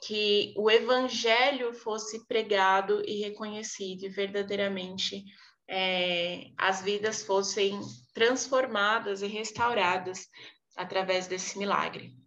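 A woman walks through a Bible story from her home in a relaxed, thoughtful way, often pausing and restarting her sentences. She talks at a slow, deliberate pace. The recording is muffled and lo-fi. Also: mid-range voice. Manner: unhurried, thoughtful, with many fillers and restarts. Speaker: Bible study presenter. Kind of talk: casual Bible teaching.

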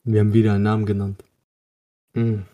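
A man's voice: on the low side, flat delivery, fast talker, lo-fi sound. A teenage boy from Russia co-hosting a casual chat with friends, teasing and joking in slangy talk. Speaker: podcast co-host.

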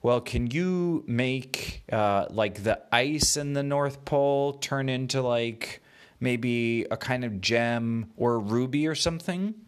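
A curious little girl, played by a male storyteller at his normal pitch, polite and full of wonder. The lines come hesitantly, as if thinking aloud, in a children's bedtime story. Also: slow, smooth, close to an everyday voice.

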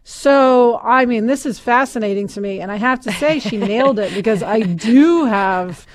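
An American woman co-hosting a casual podcast, with a slightly hoarse voice, gravelly vocal fry and a self-deprecating manner. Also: on the high side, moderate pace. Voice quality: somewhat hoarse. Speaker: podcast co-host.

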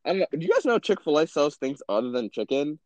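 Animated young Texan man, lively swooping pitch. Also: quick pace, no echo. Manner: animated storyteller, acts out his own reactions. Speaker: podcast host. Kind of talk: casual chat. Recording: dull lo-fi sound.

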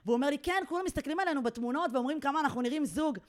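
A young woman, a podcast co-host, chatting and teasing in a casual conversation. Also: sits high. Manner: chatty, teasing, quick reactions. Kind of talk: casual chat.

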